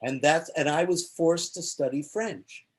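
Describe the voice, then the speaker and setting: A man's voice: fairly high pitch, a little slow. A man who grew up in Israel, hosting a casual online chat and telling jokey stories. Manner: jokey, animated storyteller. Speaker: organization founder and event host.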